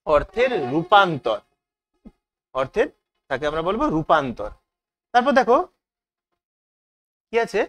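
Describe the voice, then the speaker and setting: High-pitched man teaching a class. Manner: asks questions and answers them himself. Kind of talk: exam prep lesson.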